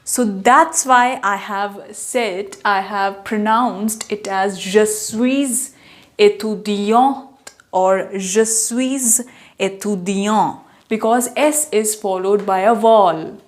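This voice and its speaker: A young woman teaching a beginner French lesson, repeating and spelling out each phrase patiently. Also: mid-range voice. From India. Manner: repeats words slowly, spells them out. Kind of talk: slow, patient language lesson.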